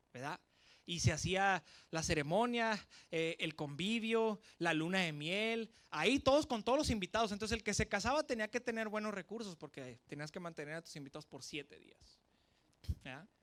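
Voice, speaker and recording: A man from Mexico with a Mexican accent, preaching a sermon as pastor with lively shifts between loud and soft. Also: high voice.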